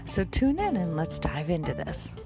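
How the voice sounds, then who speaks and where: A woman hosting a podcast, talking quietly so as not to wake people around her at night. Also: fairly low pitch, big pitch swings, normal speed, over loud music. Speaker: podcast host. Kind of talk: hushed podcast introduction. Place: outdoors at a campsite beside a camper.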